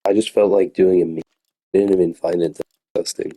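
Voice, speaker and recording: A man with a very low voice chats casually, teasing his friend in a deadpan, jokey way. The sound is dry and close. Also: quick pace, no echo. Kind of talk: casual chat.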